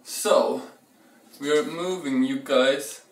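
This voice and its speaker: Baking bread at home, a young man who vlogs about cooking keeps up a playful, rambling chat, humming and thinking out loud. His voice is mid-range and slow, and it sounds distant and echoey, recorded by a camera across the room.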